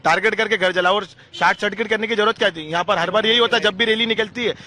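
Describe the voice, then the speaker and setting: A man's voice: high voice, pushed and bright. A man speaking as a local witness in a street interview, firing off heated, accusing questions. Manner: heated, rapid accusatory rhetoric. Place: busy street outdoors. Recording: faint street noise outdoors.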